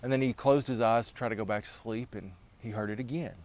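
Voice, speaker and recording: A man tells a legend in a loose, spoken style, with a voice of middling pitch. He builds drama through repeated phrases, then backs up and restarts his sentences casually. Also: fairly even intonation, quick pace, a little mellow. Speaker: storyteller. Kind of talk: oral storytelling of a legend.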